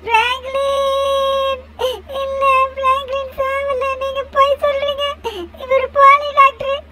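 A man's voice: very high voice, fairly even intonation, normal speed, fairly bright tone, slight background noise, pitched above the performer's own voice. A man voicing Shinchan, a cheeky and emotional little cartoon boy, who whines and calls out to his friends. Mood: sobbing. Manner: whiny childlike calling out to friends.

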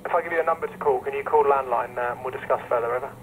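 A man's voice: mid-range voice, racing, a little hiss or hum, poor audio. A man working as a coast guard radio operator, heard over a marine VHF radio and using formal radio procedure.

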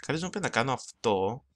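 Bright-voiced young man rambling over gameplay. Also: medium pitch. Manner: fast, rambling, mixes Greek with English, self-mocking. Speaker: gaming channel host. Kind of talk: casual gameplay commentary. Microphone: desktop mic, no camera.

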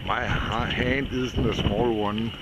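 A man's voice: mid-range voice, steady tone, takes it slowly. A man, filming a casual sailing vlog at a boatyard and harbor, speaking simple enthusiastic English. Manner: plain, simple phrasing, enthusiastic about boats. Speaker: sailing vlogger. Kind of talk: casual handheld vlog narration. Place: outdoors at a boatyard and harbor, also a wooden cabin. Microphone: handheld camera mic. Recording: loud wind noise on camera mic. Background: loud wind and water.

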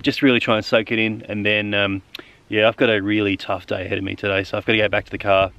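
An Australian man in his thirties talking casually to camera on a clifftop in the bush, relaxed and rambling with many fillers. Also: lowish voice, fast, no room sound. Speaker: solo hiking vlogger. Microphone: camera mic at arm's length.

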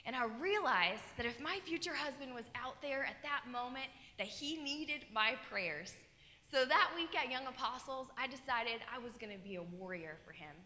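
A young Colorado woman, speaking as a keynote speaker, shares her personal testimony on a big, dark auditorium stage, earnestly telling her story into a handheld mic with lively gestures. Her pitch is fairly high, and the hall adds a long reverb.

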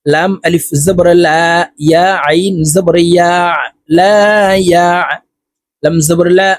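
Guy teaching quran reading letter by letter, slow, stretches the words, dry voice. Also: high-pitched, a little mellow, dry recording. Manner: slow drawn-out recitation between brisk explanations. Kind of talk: spelling-out Quran reading lesson.

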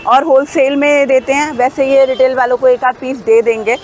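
A woman's voice: sits high, flat delivery, moderate pace, a little mellow, slight background noise, rough recording. A woman filming a walking tour of an outdoor wholesale market on her phone, chatting to viewers about prices and bargaining with sellers. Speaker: shopping vlogger.

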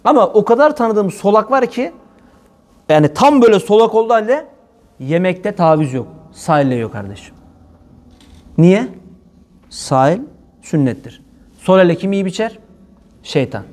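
A man hosting an informal religious talk, joking and lively, slipping into playful quoted voices. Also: high-pitched, normal speed.

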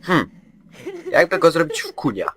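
A man's voice: a little high, sing-song, moderate pace, fairly bright tone, slight background noise. Joking man narrating a horror game. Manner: jokey, chatters to game characters, mock-soothing. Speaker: gameplay commentator. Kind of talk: let's play commentary.

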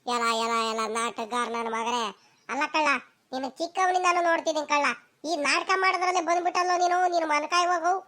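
A woman doing a shrill, scolding old village granny. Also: steady tone. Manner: scolding, rapid village dialect, calls out loudly.

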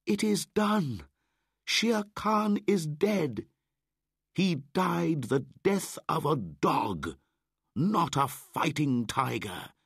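Brief: brave wild boy played by a male narrator, strained high voice, proud and commanding. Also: very animated, takes it slowly, husky, no room sound, clean studio sound, exaggerated voice. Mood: shouting, triumphant. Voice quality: raised, ringing shouts. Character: bold young jungle boy, fierce, triumphant. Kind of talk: audiobook character voice.

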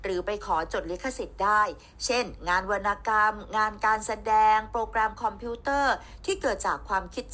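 A woman reads a scripted news report as voice-over, her tone bright and clear. She explains things in a steady, even read and ends her sentences with polite particles. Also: mid-range voice.

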